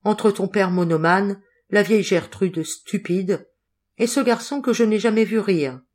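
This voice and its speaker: A woman's voice: medium pitch, measured pace, a little mellow, pitched above the performer's own voice, close to an everyday voice. A woman reading the lines of an irritable, skeptical young man in an audiobook, with a dry, grumbling delivery.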